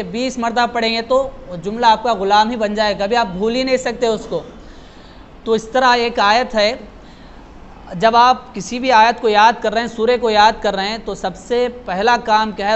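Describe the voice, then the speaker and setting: A man teaching Quran recitation to a class, explaining patiently and modeling each phrase slowly, often adding "hai na" to his sentences. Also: extremely high pitch. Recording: dull lo-fi sound with faint noise.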